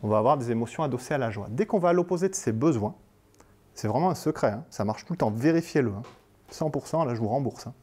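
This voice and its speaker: A man's voice: medium pitch, expressive, quick pace, mellow. A man from Marseille giving a coaching lecture, telling a story in a colloquial, joking way and acting out the dialogue. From Marseille, France. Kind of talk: lively storytelling talk. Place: conference room.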